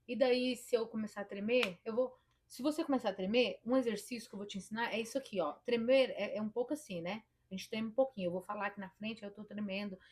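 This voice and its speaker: Speaking fast with hardly any pauses, this therapist has a mid-range, darkish, husky voice and a Brazilian Portuguese accent. Addressing the viewer straight on, she offers emphatic, demonstrative advice and voices her inner thoughts aloud.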